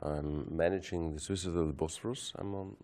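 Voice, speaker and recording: A man from Austria, a hotel manager, introducing himself in a steady, businesslike way. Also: sits low, normal speed.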